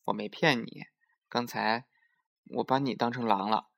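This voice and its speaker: A man's voice: medium pitch, fairly even intonation, a little slow, creaky, a bit bright. A man voicing a boastful little rabbit child who brags shrilly and interrupts. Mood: timid.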